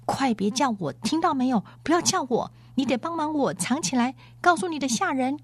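A woman voicing a young runaway noble who speaks in hushed, urgent pleas. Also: medium pitch, sing-song, normal speed, breathy edge, dry recording.

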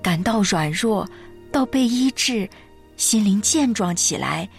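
A woman voicing a gentle, caring female friend who speaks softly and soothingly. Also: on the low side, animated, unhurried, faint music behind. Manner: soft-spoken, soothing.

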